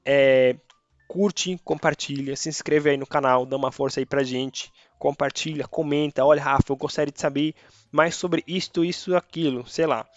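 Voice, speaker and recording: The recording is dry and muffled, featuring a man with a fairly high, steady voice at normal speed. Spanish is his first language, and he teaches its grammar in a casual online lesson, chatting and checking in often with "tá" and "beleza."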